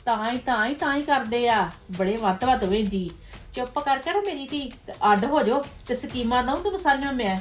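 A woman playing a meddling, sharp-tongued village aunt who gossips and scolds in a web series drama. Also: on the high side, expressive, fairly quick, soft background music, natural voice. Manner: gossipy, scolding, ends remarks with "haiṅ?". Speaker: paternal aunt.

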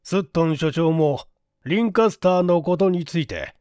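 An actor playing a shrewd, shabby 97-year-old man who talks in slow, folksy old-man speech in an audiobook drama. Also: a little high, darkish tone, no echo, clean studio sound, close to an everyday voice. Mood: boastful.

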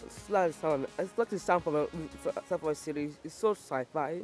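A fairly high-voiced man talks over his gameplay, quick to get worked up and to mock his own mistakes. He swears at the game now and then, speaking into a desk mic with faint game music underneath. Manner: excitable, self-mocking, swears at the game. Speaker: gaming YouTuber. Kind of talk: let's-play commentary.

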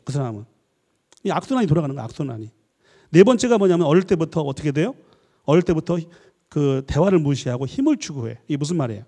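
A lecturing man with a high, hugely lively voice, joking and throwing questions at his audience. His tone is mellow and a little husky. The long reverb of a church hall rings behind every phrase. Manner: animated, jokey, asks the audience questions. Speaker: professor giving a lecture.

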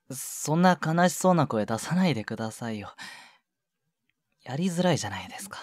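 Tender but gently firm, a medium-pitched man plays the shy younger junior boyfriend in an intimate ASMR voice drama, awkward at affection and speaking into one side of a phone call. His words come soft and hesitant, with breathy murmurs and casual politeness, captured dry and close in studio quality.

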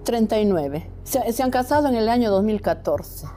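A woman's voice: a little high, animated, moderate pace, dark tone, soft background music. A woman, a lawyer and neighbor appearing as a talk show guest, telling her account insistently and with frequent restarts. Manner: insistent, repetitive, with hesitant restarts.

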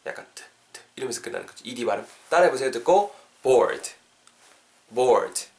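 A man from South Korea gives a video English lesson in a middle-pitched voice. He talks in an upbeat, coaxing way and slows right down to spell words out letter by letter. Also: very animated. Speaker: English teacher.

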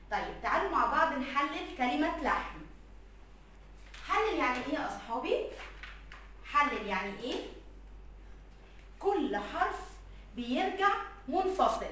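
High, lively Egyptian woman teaching little children. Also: very echoey, far from the mic, a little hiss or hum. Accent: Egyptian Arabic. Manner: slow, drawn-out sounding of letters and words. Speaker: kindergarten Arabic teacher. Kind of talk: recorded lesson for young children.

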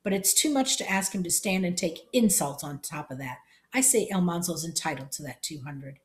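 A woman voicing a burly, angry shopkeeper who shouts and blusters. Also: on the low side, expressive, moderate pace, lightly acted. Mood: firm.

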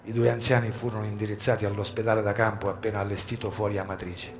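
A man performing a dramatic first-person monologue at a live outdoor show, moving between hushed low passages and urgent shouts. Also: flat delivery, fast talker, faint music behind. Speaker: stage reader of a monologue. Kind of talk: theatrical first-person storytelling. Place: outdoor garden stage.

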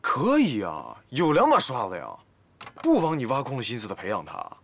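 A man's voice: mid-range voice, huge pitch swings, normal speed, vocal fry, a bit bright, breathy edge, no echo, heavily acted. An actor in his twenties playing a playful, teasing young office employee in a light TV drama, with a theatrical delivery. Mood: teasing, impressed. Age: 20s. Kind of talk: light comedic TV drama dialogue.

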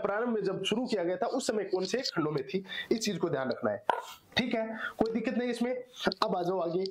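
A hoarse man teaching an exam-solution lecture, repeating answers and asking and answering his own questions. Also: high voice. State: hoarse, strained throat. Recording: echoey room.

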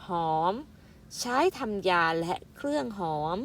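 Woman, primary school teacher, very slow, careful syllable-by-syllable reading, gentle and motherly. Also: mid-range voice, lively intonation, gravelly. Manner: spells out words syllable by syllable and adds polite "na kha" fillers; speaks to pupils as "luk" in a gentle, motherly way. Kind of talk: slow, careful vocabulary lesson for young children.

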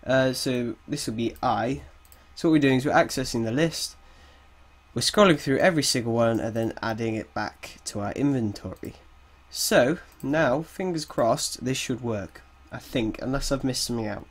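A game development tutor with a cold, his medium-pitched voice slightly croaky, records a casual screen-capture coding tutorial. He thinks aloud as he types, pausing hesitantly and chuckling at his mistakes, with keyboard typing in the background.

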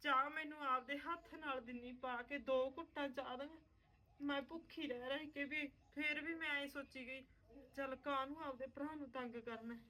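A woman's voice: high-pitched, steady tone, normal speed, bright, forceful tone, poor audio. A woman playing a grieving wronged aunt. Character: grieving married woman, sister-in-law, wronged and weary. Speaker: aunt (bhua) returned from abusive in-laws.

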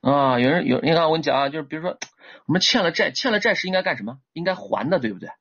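A lively, fairly high-voiced man teaches English vocabulary in an animated livestream lesson, his pitch swooping up in sudden exclamations. His voice is husky and a little rough. The audio is dull and lo-fi. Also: racing. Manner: animated, asks viewers to type one.

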